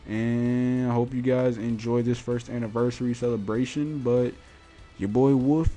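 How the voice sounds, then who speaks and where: A man's voice: mid-range voice, steady tone, measured pace, mellow. A man hosting his own gaming podcast, talking informally and colloquially in casual solo commentary. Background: music.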